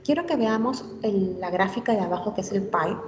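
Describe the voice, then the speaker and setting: A woman's voice: medium pitch, lively intonation, brisk. A woman giving a career workshop lesson to students. She explains step by step and often asks for agreement with rhetorical tags. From Peru. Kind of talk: online lecture to students. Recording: roomy, dull, faint room noise.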